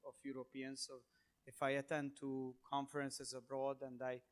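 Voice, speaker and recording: A man with a Hungarian accent answering panel questions in English as a non-native speaker, hesitant, with many fillers and halting phrasing. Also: mid-range voice, monotone. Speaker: panel guest, government minister.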